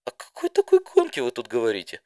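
A man's voice: mid-range voice, wildly swooping pitch, fast, a little mellow, no echo, clean studio sound. A man voicing a brash, impatient young pegasus mare who talks bluntly and with exasperation. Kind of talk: fan audiobook voice acting.

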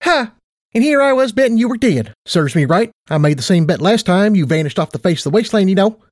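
Guy doing a bubbly chirpy pony lady, way up high, dry close sound. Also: animated, quick pace, dry recording. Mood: perky. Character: perky, affectionate female pony, showy and teasing.

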